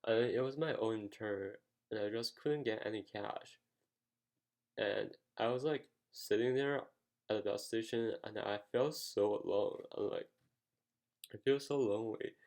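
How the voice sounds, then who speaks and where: Young american guy rambling through a story, says like a lot, lowish gravelly voice. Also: unhurried, a little mellow. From United States. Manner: rambling, heavy use of "like" fillers. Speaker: vlogger. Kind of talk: casual storytelling vlog.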